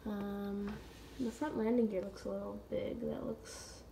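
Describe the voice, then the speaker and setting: Slow, hesitant woman unboxing a model. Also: mid-range voice, level tone, creaky, mellow, slight background noise. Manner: hesitant, many ums and pauses. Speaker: scale model reviewer. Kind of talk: casual unboxing review. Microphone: phone camera.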